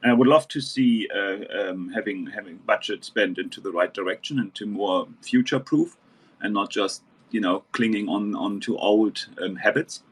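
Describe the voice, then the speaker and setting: Low-pitched man from New Zealand, casual panel talk, halting with lots of fillers. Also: slightly rough. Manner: halting, many fillers and restarts. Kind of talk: casual discussion.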